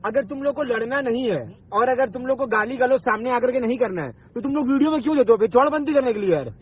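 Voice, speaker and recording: A man with a very high-pitched, slightly rough voice talks fast in a heated phone argument, confrontational and insistent, swearing and repeating himself. He's an online video maker, and the call is captured as a dull, lo-fi phone recording.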